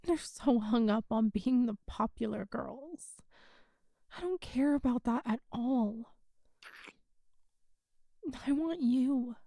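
A woman murmurs close to the mic in a soft, coaxing hush, her high voice lingering over every word at a very slow pace. A gentle vocal fry runs through her warm, mellow tone, and the recording is dry, with no room sound. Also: dry recording. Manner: soft, hushed and coaxing, partly whispered. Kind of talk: intimate audio roleplay.

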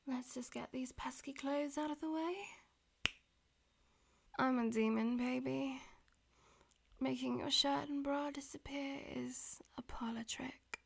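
A woman voicing a dominant, teasing female demon in an audio roleplay, speaking mostly in breathy, domineering whispers. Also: high-pitched, steady tone, takes it slowly, long pauses, full character voice.

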